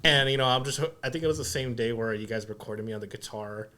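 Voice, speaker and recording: A young man on a podcast, reminiscing in an animated, rambling way with many restarts. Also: mid-range voice, fast talker. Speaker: podcast guest and graphic designer. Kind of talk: casual chat.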